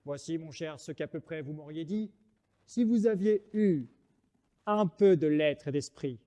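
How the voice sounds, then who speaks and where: A man's voice: on the high side, measured pace, dark tone, lightly acted. An actor playing a proud, mocking swordsman poet in a French verse monologue, declaiming like a hammy stage actor. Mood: scornful, proud. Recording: reverberant hall sound.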